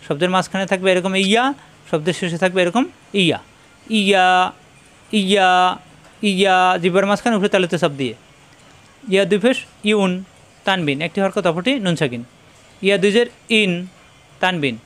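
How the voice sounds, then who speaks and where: This Quran reading teacher has a high-pitched, fairly bright voice at normal speed, leaving long pauses. He spells out each letter and its sound individually, going over every drill again with patience in a recitation lesson.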